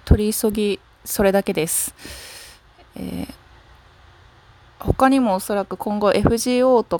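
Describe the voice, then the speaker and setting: A woman's voice: medium pitch, darkish tone. A woman musing aloud in a casual solo talk, rambling and frank, stopping often to correct herself and trailing off into fillers. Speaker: solo talk show host. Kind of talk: casual solo fan chat. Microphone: smartphone app recording.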